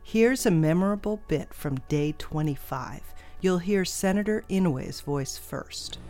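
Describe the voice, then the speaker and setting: A woman's voice: on the low side, expressive, measured pace, dark tone, faint music behind. A woman hosting a podcast in scripted narration. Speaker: podcast host.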